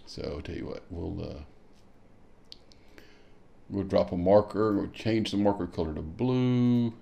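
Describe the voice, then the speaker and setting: Low, gravelly and dark, a kayak fishing show host speaks a little slowly as he leads viewers through an on-screen map in a screen-share tutorial. He thinks aloud, musing with hmms as he clicks.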